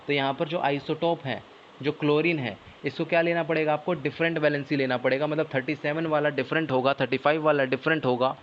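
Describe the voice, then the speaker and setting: A man's voice: a little high, dull audio, slight background noise. A male chemistry teacher giving an online lecture in Hindi with English technical terms mixed in, explaining step by step and often answering his own questions.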